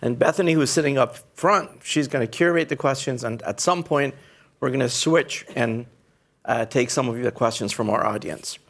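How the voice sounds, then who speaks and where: A man hosting a fireside chat on a university stage, asking his guest questions in an encouraging, deliberate way. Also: medium pitch, creaky, a bit bright.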